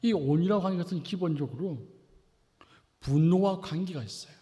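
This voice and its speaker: A man preaching a sermon as pastor, asking the congregation rhetorical questions and swinging between loud and soft. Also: on the high side, lively intonation, normal speed. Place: church sanctuary. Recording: long reverb of a church hall.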